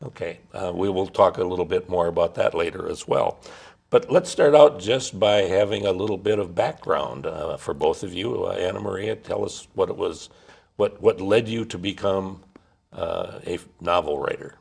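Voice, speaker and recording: A man's voice: deep voice, normal speed, creaky, darkish tone, husky. A man hosting a television interview with writers, talking with frequent hesitations and fillers. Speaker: guest host. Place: Minnesota.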